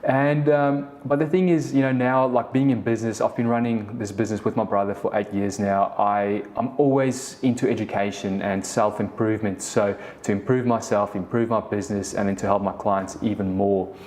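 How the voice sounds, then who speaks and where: His voice sits on the low side, a little mellow and steady, moving at normal speed with few pauses. A South African in his thirties whose first language is Afrikaans, this podcast host and business co-founder tells a casual solo story that rambles, restarting often and leaning on "the thing is."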